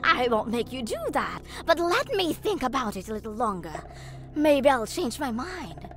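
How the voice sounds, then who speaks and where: Casting: wicked witch for audio drama, high swooping voice, menacing, theatrical, mocking. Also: sing-song, over music. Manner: theatrical, drawn-out taunting, cackles. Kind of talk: family audio drama acting.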